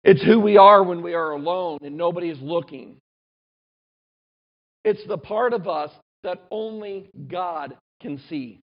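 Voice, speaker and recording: A male pastor giving a sermon and reading scripture aloud, earnest and measured, slowing down to stress key points. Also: sits high, lo-fi sound.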